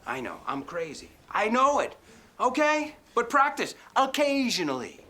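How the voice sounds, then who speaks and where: A man's voice: very high-pitched, huge pitch swings, takes it slowly, exaggerated voice. An actor playing a goofy man in a TV comedy sketch, clowning around playfully. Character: goofy man who does animal exercises.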